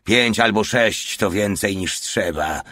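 A man voicing a gruff, curt older squad leader in an audiobook reading. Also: lowish voice, slow pace, pushed and bright, dry recording. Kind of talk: audiobook character voice.

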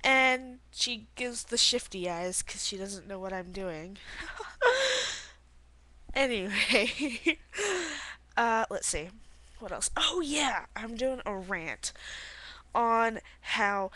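A woman's voice: mid-range voice, lively intonation, slow pace, bright, forceful tone, dry recording. A young woman vlogging late at night on her laptop webcam at home, rambling and giggling, sleepy and yawning. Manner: rambling, giggly, lots of filler words. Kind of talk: casual video diary. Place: bedroom at home.

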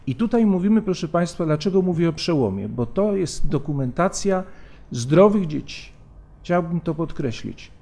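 Middle-aged male lecturer, fairly high voice, halting delivery with fillers, lectern mic in a big hall. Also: animated, vocal fry, dark tone. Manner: measured, hesitant with frequent fillers and restarts. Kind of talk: academic conference lecture. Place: large conference hall, at a lectern. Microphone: lectern microphone.

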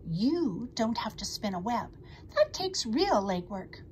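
A woman voicing a wise, patient female spider in a storybook reading, calm and measured. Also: on the high side, slight background noise. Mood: gentle.

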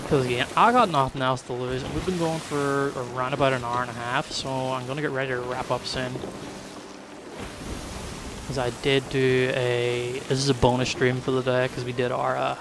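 Against in-game sounds of the ocean and a ship, a man talks casually to his viewers during a live gameplay stream. His medium-pitched voice stays fairly flat at a normal speed, though he's chatty, thinks aloud, and reacts when surprised.

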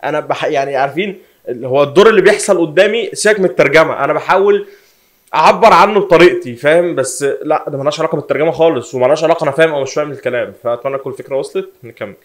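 Young egyptian man, quick gaming commentary, a bit high, jokey and loud at times. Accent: Egyptian Arabic. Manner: joking, excitable, talks back to the game. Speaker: gaming YouTuber. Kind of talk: Egyptian Arabic gameplay commentary.

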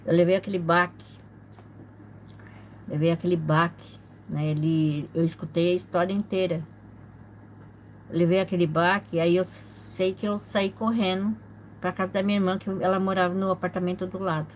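A middle-aged woman telling a personal story on her vlog in a soft, halting way, often repeating herself. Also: lowish voice, flat delivery, slight background noise. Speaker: channel host.

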